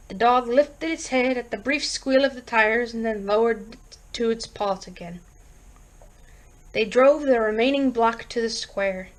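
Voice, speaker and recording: High-voiced woman reading a story aloud. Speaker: reader.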